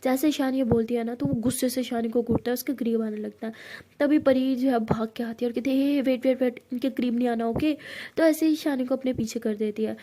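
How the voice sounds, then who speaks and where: Woman storyteller, high and warm-toned, chatty retelling. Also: brisk, a little hiss or hum. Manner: lively, retelling with many fillers. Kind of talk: casual story narration.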